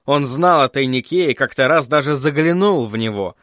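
Man, audiobook narrator, measured even reading, mid pitch, dry close recording. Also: dry recording. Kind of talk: scripted narration.

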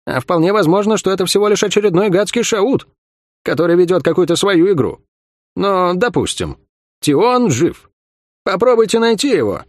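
A man's voice: sits high, big pitch swings, moderate pace, dry recording, pitched above the performer's own voice. Guy putting on a snappy grumpy assassin lady, voice pushed way up, swoops around a lot. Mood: grumbling. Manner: grumbling, sarcastic. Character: gruff weary female assassin, sharp-tongued.

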